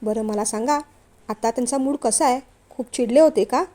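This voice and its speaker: A woman voicing a polite, gentle young man who is a company director, in a storybook reading. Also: on the high side, moderate pace, natural voice.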